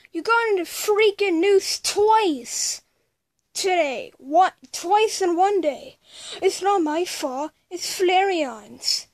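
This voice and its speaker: Very high-voiced woman doing toy-skit voices. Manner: switches quickly between characters with playful exclamations. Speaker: toy movie performer voicing every part.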